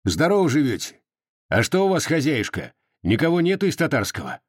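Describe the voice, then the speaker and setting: A man doing a gruff rustic Cossack. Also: fairly high pitch, huge pitch swings, brisk, no echo, studio quality, pitched above the performer's own voice, full character voice. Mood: blustery. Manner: rough dialect, blustery and plainspoken. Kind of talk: audiobook character voicing.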